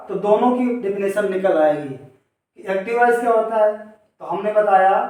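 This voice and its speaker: A man with a high voice teaches a grammar lesson. The room is very echoey, and he sounds some distance from the microphone. He explains each point step by step and answers his own questions. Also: darkish tone. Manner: addresses students directly. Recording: echoey room, voice away from the mic.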